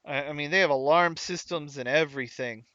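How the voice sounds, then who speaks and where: A man voicing a weary, matter-of-fact male guard captain in a tabletop game, with a faint put-on Southern drawl, rambling and halting with many restarts. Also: on the high side, sharp tone, no room sound, muffled recording. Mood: explaining. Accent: put-on Southern US drawl, dropping.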